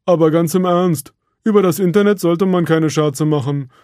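A man voicing a stern, humorless male surge protector that lectures everyone in a loud, bossy voice. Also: a little high, normal speed, no room sound, clean studio sound, voice pushed up, lightly acted.

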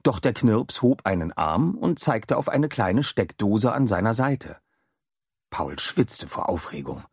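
A man narrates a children's story with lively, swooping intonation. His voice is low and husky, recorded dry and close to the mic with no room sound. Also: a little slow, no echo. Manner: expressive, animated reading. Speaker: audiobook narrator.

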